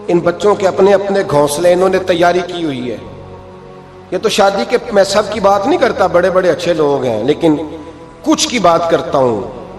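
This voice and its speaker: A man preaches a sermon in a somewhat high voice, pushing into sharp, emphatic exclamations. The sound is roomy, with a long echo. Soft music plays faintly underneath. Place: mosque. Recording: echoey hall with music underneath.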